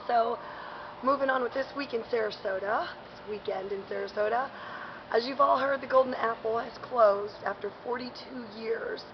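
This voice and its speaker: A woman's voice: mid-range voice, highs cut off, background noise. A woman hosting a casual local events vlog, talking in a chatty, upbeat way with lots of fillers, outdoors in a parking garage while chewing gum. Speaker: host.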